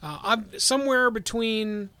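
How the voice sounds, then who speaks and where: A man co-hosting a podcast, talking casually in halting, rambling sentences full of analogies. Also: sits high, pushed and bright, no room sound. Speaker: guest co-host.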